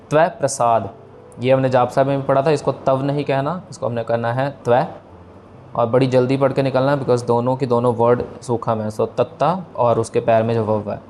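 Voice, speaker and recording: A man's voice: mid-range voice, dark tone, slight background noise. Patient man teaching scripture pronunciation. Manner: patient, slow demonstrations of pronunciation; mixes English words into explanations.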